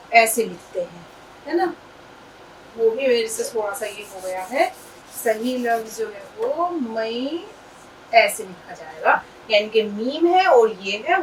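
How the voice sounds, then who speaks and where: A woman's voice: on the high side, a bit bright. A woman teaching an Urdu lesson, patiently explaining and spelling words out letter by letter. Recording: distant mic with faint background noise.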